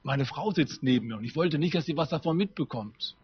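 A man voicing a panicked, guilty middle-aged businessman who speaks anxiously and low, on a muffled lo-fi recording. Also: lively intonation, brisk, slightly rough. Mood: confiding. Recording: muffled lo-fi sound.

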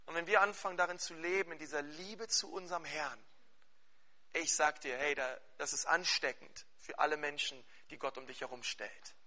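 A male pastor preaching with a high voice and a very bright, forceful tone. He talks animatedly and keeps checking in with his listeners. He also leads a fervent spoken prayer. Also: normal speed. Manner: animated preaching with questions to the congregation. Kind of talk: sermon.

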